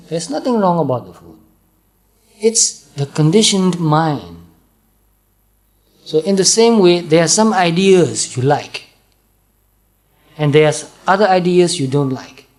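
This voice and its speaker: Calm Burmese-accented monk, slightly high voice. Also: male voice. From Burma. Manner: calm, patient, repeats points slowly. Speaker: Buddhist monk teacher. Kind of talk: dharma talk to an audience.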